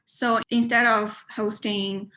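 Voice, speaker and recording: The audio is poor as a woman in her twenties from China, whose native language is Mandarin, answers interview questions in accented English on a video call from a room at home. Her medium-pitched delivery is flat, slow, bright, and forceful, and as a student interviewee she hesitates with frequent fillers and restarts.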